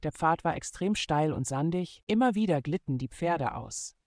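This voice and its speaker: A man reading a German adventure novel aloud in steady, measured scripted narration. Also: fairly high pitch, dry recording, studio quality. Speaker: audiobook narrator.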